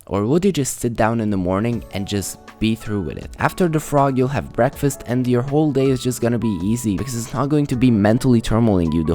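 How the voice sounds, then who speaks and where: A man's voice: medium pitch, darkish tone. A young man hosting a self-improvement vlog, chatty and direct, calling the viewer bro. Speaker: self-improvement video host. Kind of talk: casual advice vlog.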